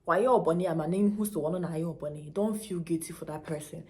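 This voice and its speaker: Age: young adult. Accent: Ghanaian. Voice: a woman with a fairly low pitch. Style: animated storytelling vlog, emphatic and blunt. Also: fast talker. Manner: emphatic, animated storytelling with local slang mixed in. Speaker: vlogger. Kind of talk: casual storytelling to camera.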